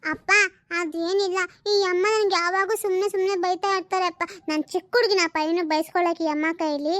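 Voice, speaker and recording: A woman's voice: very high-pitched, steady tone, no echo, clean studio sound. A woman voicing a young, cheeky daughter who pleads and talks back to her mother in a cartoon family drama. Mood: complaining. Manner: pleading, quick to talk back.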